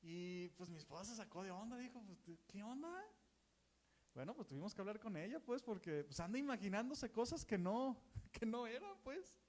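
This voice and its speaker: Mexican man preaching, high voice, chatty sermon, mimics gossiping churchgoers. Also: lively intonation, brisk, a little mellow. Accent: Mexican Spanish. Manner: conversational, acts out gossiping churchgoers.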